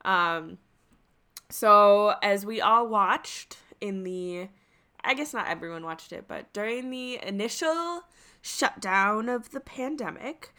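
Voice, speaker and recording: Bright-voiced young woman gushing. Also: medium pitch, animated, takes it slowly. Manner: gushing, emphatic, swears casually. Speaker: podcast co-host. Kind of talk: casual chat about reality TV.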